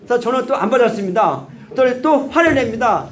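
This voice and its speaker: A man giving a church testimony, telling his story earnestly in slow, deliberate phrases and acting out the dialogue. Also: extremely high pitch, lively intonation, a little hiss or hum.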